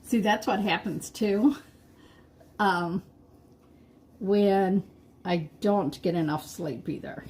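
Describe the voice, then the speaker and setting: Middle-aged woman, live craft-stream host; unhurried, chatty, laughs at her own slips; faint noise behind. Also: medium pitch, a little mellow. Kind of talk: casual live-stream chat while painting.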